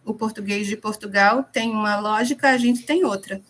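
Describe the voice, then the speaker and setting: A woman's voice: mid-range voice, moderate pace, fairly bright tone. A woman from Ceará with a Northeastern Brazilian accent, teaching an English class. She explains step by step, drops in English example sentences and acts out short dialogues. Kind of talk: classroom lecture.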